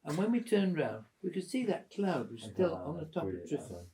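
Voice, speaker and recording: A man in his eighties telling lively family stories at home, chuckling and acting out the voices of the people in them. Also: a little high, moderate pace. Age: 80s. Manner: lively, chuckling storyteller who acts out quoted voices. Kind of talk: casual storytelling at a family gathering.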